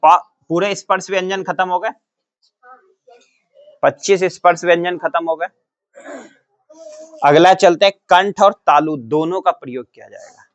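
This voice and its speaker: Slow drilling male teacher, dull recording. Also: high voice, steady tone. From Bihar, India. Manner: drills students with repeated questions and answers. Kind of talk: classroom grammar lesson. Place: coaching classroom.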